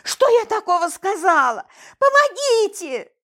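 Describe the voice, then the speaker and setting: A woman's voice: very high-pitched, sing-song, measured pace, fairly bright tone, voice pushed up, heavily acted. A woman doing a shrieking, panicked young woman. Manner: shrieking, scared.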